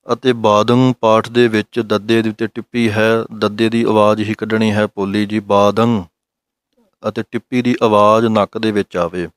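Low, flat-voiced man teaching recitation. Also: clean tone, dry recording. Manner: slow, careful, instructive, recites lines slowly then explains. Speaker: Gurbani pronunciation teacher. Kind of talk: recitation lesson.

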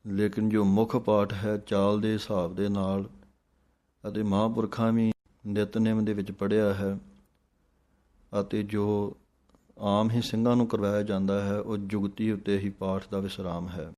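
Deep slow-speaking male recitation teacher. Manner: chants verse lines slowly, then explains briskly; calm, patient instruction. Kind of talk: recitation lesson.

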